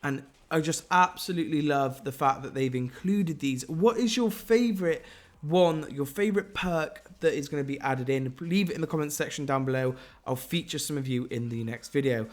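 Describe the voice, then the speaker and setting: An enthusiastic man talks through game leaks in a voice pitched a little above most men's. He speculates freely and speaks straight to his viewers. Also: moderate pace. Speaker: gaming YouTuber.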